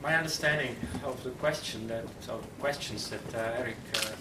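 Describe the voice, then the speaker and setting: A man with a Czech accent giving formal panel remarks in halting, deliberate phrases. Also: mid-range voice. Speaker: politician, panelist. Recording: echoey, noisy room, distant mic.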